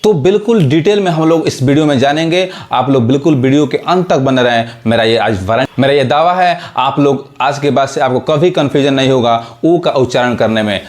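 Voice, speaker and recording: This is a spoken classroom lesson on English pronunciation, led by a man whose medium-pitched voice is brisk and slightly mellow, with barely any pauses. He spells each word letter by letter and repeatedly asks if everyone understands.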